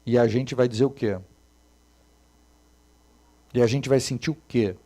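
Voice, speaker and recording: A man, giving a Buddhist dharma talk as a meditation teacher, moving between soft and emphatic speech. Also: mid-range voice, steady tone, a little slow.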